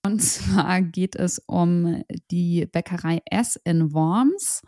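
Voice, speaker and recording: A woman's voice: fairly low pitch, slow pace, warm tone, no room sound, clean studio sound. A woman co-hosting a podcast, chatting casually, laughing often and reading out reviews in the same easy voice. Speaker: podcast co-host.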